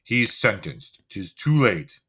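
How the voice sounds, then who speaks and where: A man voicing a stern, deep-toned cold judge. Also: very animated, pushed and bright, breathy edge, full character voice. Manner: stern, serious, measured.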